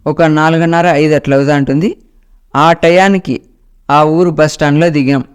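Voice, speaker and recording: A man's voice: on the high side, a little mellow, clear, resonant tone. A young man casually retelling a ghost story in the first person, chatty and colloquial.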